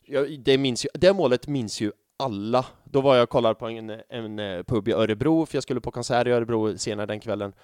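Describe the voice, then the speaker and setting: A man in his thirties chatting casually on a fan podcast, telling stories in an animated way with plenty of swearing. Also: medium pitch, hardly any pauses, smooth, no echo, studio quality. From Sweden. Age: 30s. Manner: animated storytelling with lots of swearing and fillers. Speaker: podcast co-host.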